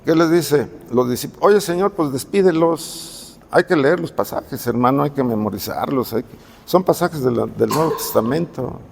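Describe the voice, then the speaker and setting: A man's voice: mid-range voice, normal speed, vocal fry, a little hiss or hum. A man preaching a sermon in a conversational way, often asking questions and addressing his listeners as "brother". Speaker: pastor. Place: church hall. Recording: long reverb of a church hall.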